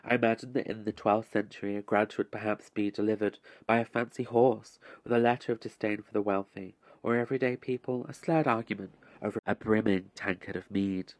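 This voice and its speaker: A man hosting a scripted relaxation podcast, speaking in a measured, deliberate way with arch, formal phrasing and dry wit. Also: on the low side, fairly even intonation, no echo. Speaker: podcast host.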